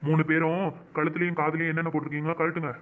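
Man, high voice, comic cartoon voice acting, gruff threats and soft pleading, tinny phone-like sound. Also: flat delivery, racing. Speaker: voice actor for a village comedy cartoon.

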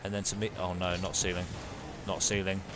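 A young man giving live, excitable commentary over his own gameplay, laughing often and gasping at big plays. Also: low voice. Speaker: gaming YouTuber.

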